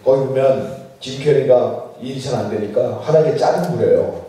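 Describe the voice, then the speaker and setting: At a church retreat, a pastor speaks in a mellow, medium-pitched voice at a normal speed, putting questions to the congregation and guiding a group Bible reading. The recording catches him from a distance in a big, echoey room.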